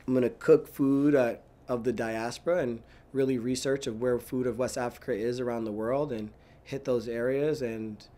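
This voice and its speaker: A man in his thirties, a chef from New York, talking casually and with lots of energy. His voice sits at an ordinary pitch for a man, and he keeps breaking off and restarting his sentences, with "like" everywhere. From New York, USA. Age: 30s. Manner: animated, talks fast with many "like"s and restarts. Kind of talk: casual interview answers.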